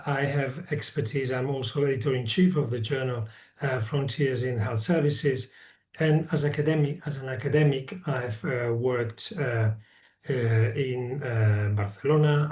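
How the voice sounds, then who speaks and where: A man's voice: mid-range voice, darkish tone. A man from Spain, a family medicine professor, introducing himself with many hesitant fillers. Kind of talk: self-introduction. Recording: echoey room, distant from the mic.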